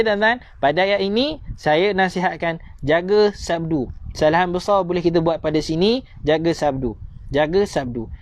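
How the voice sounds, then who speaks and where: A man's voice: high-pitched, darkish tone. A man with a Malaysian accent teaching a tajwid lesson online, repeating points and coaxing listeners to recite after him. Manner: repetitive, coaxing teacher, slows to drawn-out recitation.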